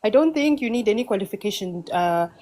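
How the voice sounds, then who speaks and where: A woman's voice: mid-range voice, animated, quick pace, dark tone. A woman with a South African accent, a guest chatting casually, articulate but often restarting her phrases. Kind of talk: casual conversation.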